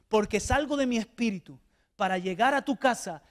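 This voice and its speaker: This high-voiced pastor preaches to his congregation in church at a normal speed. He shifts between quiet passages and loud exhortation, often saying little words more than once.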